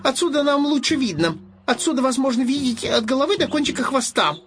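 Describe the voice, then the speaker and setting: A man voicing a polite little male sparrow from a storybook, in a very high voice. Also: expressive, fairly quick, a bit bright, heavily acted.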